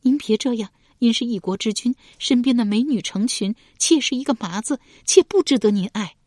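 Young palace maid, woman voicing her, high bright voice, earnest, husky edge, storybook reading. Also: moderate pace, no room sound, clean studio sound, close to an everyday voice. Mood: pleading.

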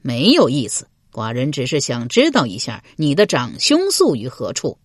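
A suspicious, jealous lord of middle age, as a woman narrator puts him on, his voice pushed low and kept quiet. He speaks coldly and slowly, sneering, recorded close and dry. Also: wildly swooping pitch, breathy edge, no echo, exaggerated voice. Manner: cold and sneering, slow and deliberate. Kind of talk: Chinese historical novel reading.

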